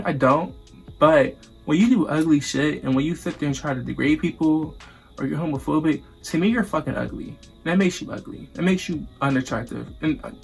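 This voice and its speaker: A man's voice: fairly high pitch, gravelly. A young man from the United States telling a casual, profane storytime vlog, acting out the voices of the people he quotes. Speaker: vlogger.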